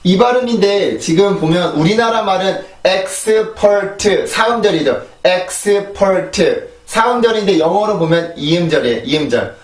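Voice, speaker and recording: A man gives an online pronunciation lesson in a fairly high voice, explaining step by step and repeating practice words in sets. The room rings with a noticeable echo, and he sounds set back from the microphone. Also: animated, brisk, hardly any pauses, recorded from a distance. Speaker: English pronunciation teacher. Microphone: shotgun mic on a phone.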